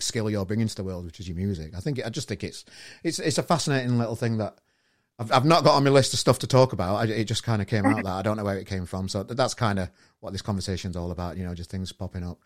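A man hosting a podcast in casual chat, rambling and stumbling over his questions. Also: fairly low pitch. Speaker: podcast host.

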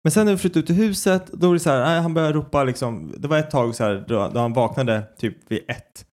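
A man's voice: on the high side, darkish tone. Rambling Swedish man, young parent. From Sweden. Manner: swearing, laughing, rambling storyteller. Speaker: podcast co-host. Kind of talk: casual chat.

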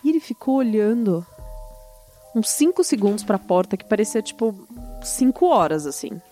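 A woman telling a story in a casual chat, animated and often laughing. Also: medium pitch, normal speed, soft background music. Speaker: storyteller guest.

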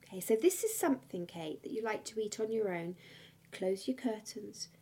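Woman host, a touch higher voice, playful and teasing chat interview. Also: very animated, a little fast. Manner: playful, teasing, drops to a hushed voice for effect. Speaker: podcast host.

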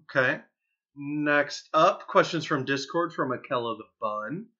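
A man reading listener questions aloud on a podcast in an even, steady way. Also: fairly high pitch, a little slow, dull audio.

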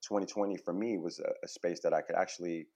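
Deep-voiced New man, earnest. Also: fairly even intonation, quick pace, warm tone. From New York, USA. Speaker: guest. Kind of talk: casual interview chat.

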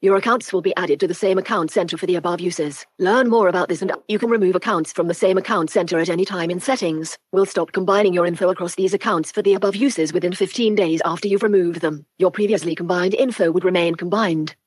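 A woman's voice: on the low side, quick pace, few pauses, darkish tone, slightly rough, no room sound. A synthetic female screen reader voice played through a Bluetooth speaker, reading out on-screen labels and buttons. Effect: synthetic speech played through a Bluetooth speaker.

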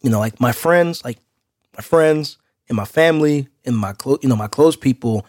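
Male podcast co-host, outgoing, casual street slang, medium pitch, dry recording. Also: moderate pace, darkish tone, dry recording.

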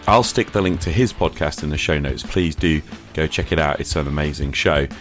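An extremely low-pitched male podcast host speaks briskly over soft background music, asking short questions and offering brief, encouraging backchannel. He wraps up the casual interview with a short, upbeat outro.

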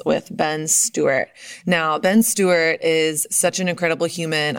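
A woman hosting a podcast in a chatty, emphatic, confiding way, talking straight to listeners with a towel over her head and microphone. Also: sits low. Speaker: podcast host. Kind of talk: upbeat scripted podcast introduction with casual asides, addressed to listeners. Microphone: computer and microphone under a towel draped over her head in an office.

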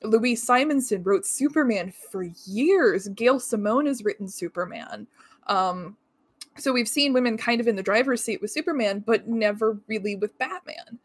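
A woman's voice: a little high, expressive, moderate pace, no room sound. Frank woman with a dry close sound. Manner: frank, swears casually. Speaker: podcast co-host. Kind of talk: casual chat.

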